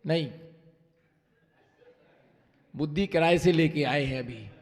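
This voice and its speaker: Jain monk preacher, high voice, slow sing-song delivery, hall reverb, playful storytelling with call-and-response. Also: male voice. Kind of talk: sermon with folk rhymes and parables.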